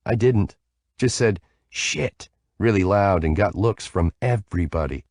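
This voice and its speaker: A man's voice: on the low side, animated, a little slow, darkish tone, no echo, pitched above the performer's own voice. Giggly sleepy young woman, rambling and playful, voiced by a male audiobook reader, with a dry close sound.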